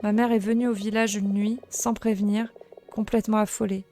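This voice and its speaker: A woman reading the lines of an earnest young male rat guard in a video game, in a plain, soft-spoken way. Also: mid-range voice, level tone, a little fast, faint music behind, lightly acted.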